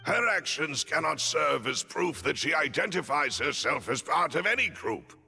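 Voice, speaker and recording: A man's voice: fairly high pitch, animated, moderate pace, creaky, bright, forceful tone, full character voice. An actor voicing a formal, earnest retainer loyally defending his lady in a video game. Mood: firm, protesting. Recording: long hall reverb, music underneath.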